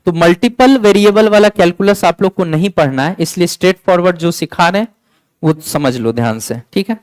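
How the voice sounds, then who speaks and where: A man's voice: high-pitched, brisk, smooth, no room sound, low-quality recording. A man teaching a physics lecture in mix, chatty and coaxing, repeating key points and scolding students playfully. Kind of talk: classroom lecture.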